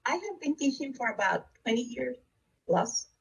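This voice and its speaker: A woman presents a recorded webinar in an earnest, steady way. Her voice sits a little high and sounds husky and breathy. She is recorded from a bit back from the microphone. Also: moderate pace, recorded from a distance, rough recording. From Costa Rica. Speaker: district education leader.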